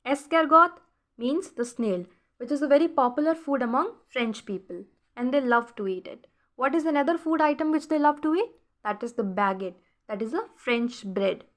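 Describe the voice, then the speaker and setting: A woman teaching a beginner lesson, repeating key words slowly and quizzing her learners. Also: high voice, expressive. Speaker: French teacher. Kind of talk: recorded classroom lesson voice-over.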